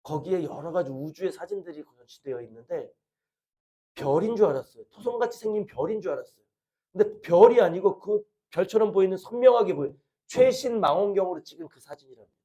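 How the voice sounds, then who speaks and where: A middle-aged man preaching to his congregation, his pitch a little high and his tone mellow. He keeps asking his listeners questions and answers them himself, in an earnest preaching manner. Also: lively intonation, fast. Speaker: pastor. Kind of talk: sermon.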